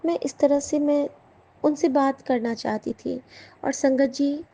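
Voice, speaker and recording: A woman's voice: high voice, fairly even intonation, unhurried, vocal fry, mellow, lo-fi sound. Earnest woman sharing a devotional testimony. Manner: earnest, emotional, addresses listeners as sangat ji. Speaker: satsang speaker.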